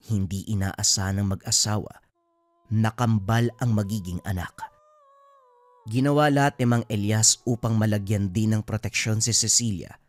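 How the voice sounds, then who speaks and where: A man narrating a horror story in a steady, solemn storytelling manner. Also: lowish voice, no echo.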